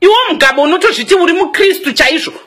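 A woman's voice: very high voice, rapid-fire, fairly bright tone. A young Zimbabwean woman with a Zimbabwean accent, delivering a fiery, scolding political rant in a mix of Shona and English.

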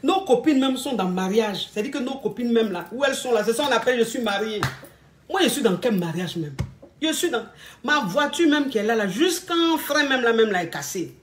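An envious, discontented wife nags her husband in a whiny, accusing tone, as a woman acts her out. Her voice sits a little high. She keeps comparing her marriage to her friends' marriages. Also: animated, fairly quick, reverberant, slight background noise, natural voice. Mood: resentful.

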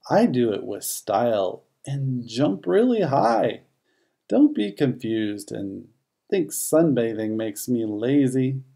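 A man with a mid-range, creaky voice and a breathy edge reads a rhyming picture book to children, expressive and measured as he tells the story.

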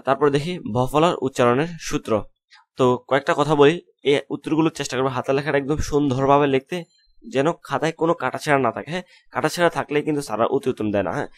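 Fast-talking young male tutor. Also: mid-range voice. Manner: rapid, repetitive instructions to students. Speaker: online tutor. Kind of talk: assignment walkthrough lesson.

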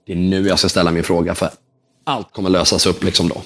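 A man with a fairly low voice telling an animated story as a guest in a casual interview. He acts out the dialogue and drops English words into his talk. His tone is relaxed, and he swears now and then. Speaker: entrepreneur guest.

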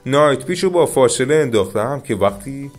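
A man with an Iranian Persian accent giving chatty, excited commentary on a mobile game, often addressing his viewers as dear friends. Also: medium pitch, faint music behind. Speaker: gaming YouTuber. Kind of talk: casual gameplay commentary.

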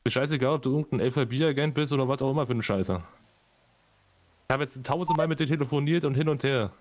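A man's voice: medium pitch, fast, darkish tone, dry recording. A man playing a gang leader in a roleplay, blunt and threatening. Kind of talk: in-character roleplay.

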